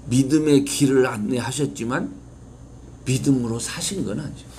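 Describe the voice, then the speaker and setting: A man's voice: mid-range voice, moderate pace, warm tone, a little hiss or hum. A male pastor preaching an impassioned sermon, putting rhetorical questions to his congregation. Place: church sanctuary.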